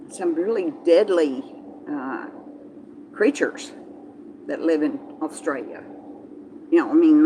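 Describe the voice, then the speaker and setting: Her voice is low-pitched and warm as this Texas-born woman from the southern US chats to livestream viewers in a folksy, meandering way, often going over the same things again. She speaks with a Texas Southern accent. The recording is rough, carrying slight background noise.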